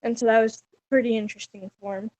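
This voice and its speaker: Young female student, friendly and explanatory, somewhat high voice. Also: flat delivery, a little fast, darkish tone, muffled recording. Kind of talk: casual group discussion.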